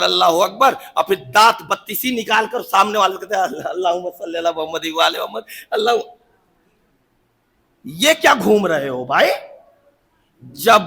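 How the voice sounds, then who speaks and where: High gravelly man preaching. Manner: swings between soft asides and loud shouted climaxes, jokes with the audience. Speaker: cleric giving a majlis sermon. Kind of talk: Urdu majlis sermon. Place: religious hall, live broadcast.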